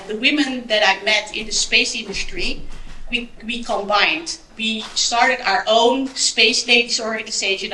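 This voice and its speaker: A woman's voice: a little high, pushed and bright. A woman giving a short speech at a gala, hesitant and full of ums, recorded in a hall. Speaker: gala speaker. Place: event hall. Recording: echoey hall, light noise.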